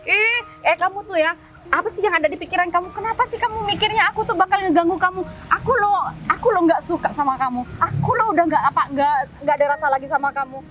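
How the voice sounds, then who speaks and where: In a web drama scene shot outdoors in public, an actress speaks very high-pitched and fast as a haughty young woman scolding her ex-boyfriend with scorn and dismissal. Her tone is a bit bright, and the rough recording carries slight background noise.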